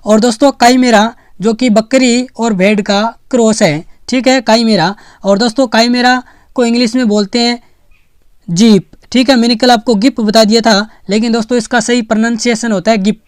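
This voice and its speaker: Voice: medium pitch, clean tone, no room sound, clean studio sound. A teacher from Rajasthan, giving an online exam-prep lecture. The teacher keeps calling the students friends and repeats the key facts for them to remember.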